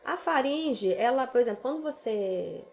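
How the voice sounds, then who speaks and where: A woman's voice: on the high side, lively intonation, normal speed, gravelly, a little mellow, faint music behind. A woman singing teacher with a Brazilian accent, patiently explaining vocal technique in a casual podcast chat. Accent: Brazilian Portuguese.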